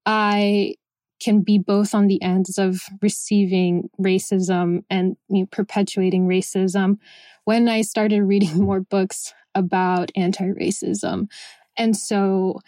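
A woman's voice: mid-range voice, steady tone, slow, warm tone, dry recording, studio quality. A young adult woman from Venezuela, raised in Miami, speaking reflectively as a bookstore founder and dropping Spanish words into her English. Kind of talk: personal interview testimony.

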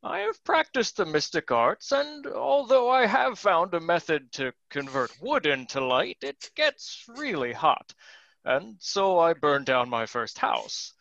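A man's voice: on the high side, big pitch swings, unhurried, vocal fry, a bit bright, dry recording, lo-fi sound, full character voice. A man playing a pompous, bumbling old alchemist with a grand manner. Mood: grandiose. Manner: grandiose, then deflating.

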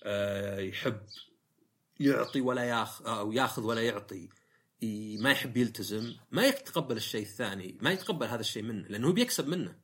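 A man's voice: on the low side, animated, fast talker, fairly bright tone. A man hosting a casual monologue podcast, reflective and rambling, with frequent fillers and self-corrections. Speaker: podcast host.

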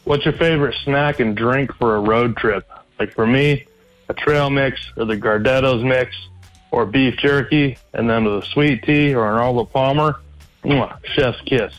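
A man's voice: medium pitch, a little slow, soft background music. A man leaving a casual, chatty voicemail message, heard over a landline phone. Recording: dull lo-fi phone line.

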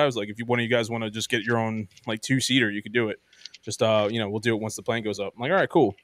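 A man's voice: medium pitch, dry recording. Guy telling a travel story on a podcast, plays out all the voices, dry no-room sound. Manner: animated, swears often, acts out quotes. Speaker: podcast co-host. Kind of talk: casual storytelling chat.

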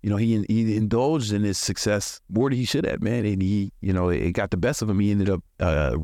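An American man in his forties hosts a podcast, delivering casual motivational talk full of slang and profanity and chuckling often. His voice is warm, on the low side and a little quick, recorded clean in a studio with no room sound.

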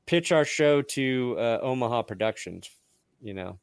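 A man co-hosting a casual post-game sports stream, talking in a relaxed, rambling way with many fillers. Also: mid-range voice, unhurried, clean tone, no room sound, clean studio sound. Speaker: podcast co-host.

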